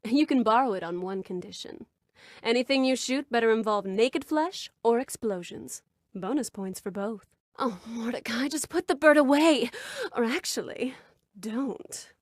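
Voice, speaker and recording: A woman's voice: on the high side, a little slow, no room sound, clean studio sound. A woman voicing a flirtatious, brash bar owner in a video game, speaking in a sultry, suggestive purr. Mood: flirty. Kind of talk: video game character dialogue.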